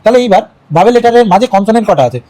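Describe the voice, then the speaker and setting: A man's voice: high-pitched, rapid-fire, dark tone, rough recording. A man with a Bangladeshi Bengali accent teaching English syllable rules, repeating key phrases and quizzing the viewer. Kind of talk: online lesson.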